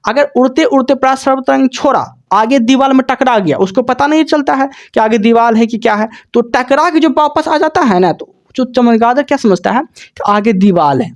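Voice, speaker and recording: A teacher giving an exam coaching lecture, repeating each point and asking and answering their own questions, with frequent check-ins to the students. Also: sits high.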